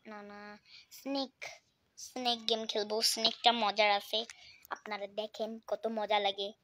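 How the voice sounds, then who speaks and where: A woman giving casual, chatty commentary while playing mobile games, often dropping into a hushed whisper. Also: mid-range voice, little pitch movement, a little slow, slight background noise. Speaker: gaming vlogger.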